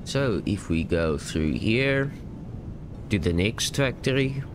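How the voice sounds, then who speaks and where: Man, very low voice, unhurried delivery; laid-back gamer rambling through a tour, faint hiss. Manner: relaxed, unsure, rambling with self-corrections. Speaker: gaming YouTuber. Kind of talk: casual game world tour.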